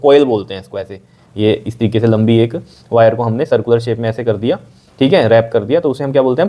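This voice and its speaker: A man teaching a science lesson, explaining step by step, often checking that students follow, and dictating definitions slowly. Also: mid-range voice, warm tone. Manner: repetitive, checks understanding with frequent "okay?".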